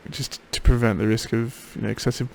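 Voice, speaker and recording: Tired man with a creaky voice. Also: fairly even intonation, brisk, slight background noise. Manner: tired, low-energy. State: tired and drowsy after throat surgery. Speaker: patient keeping a recovery video diary. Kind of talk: casual video diary. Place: home office.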